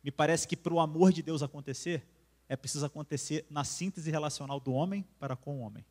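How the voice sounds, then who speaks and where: Brazilian male preacher, casual sermon voice, slightly high pitch, chatty then tender. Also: brisk. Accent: Brazilian Portuguese. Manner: conversational, acts out quarrels, drops to soft intimate tone. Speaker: singer preaching at church. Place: church.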